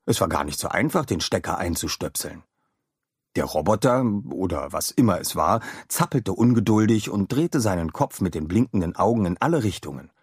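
Sex: man. Role: audiobook narrator. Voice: husky. Style: lively storybook narration. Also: deep voice, moderate pace, no room sound, clean studio sound. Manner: expressive, animated reading.

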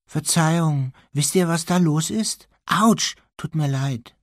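A man voicing a clumsy teenage boy who is nervous and apologetic, with a husky voice. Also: on the high side, slow pace, dry recording, studio quality, pitched above the performer's own voice. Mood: flustered. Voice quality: husky, raised voice.

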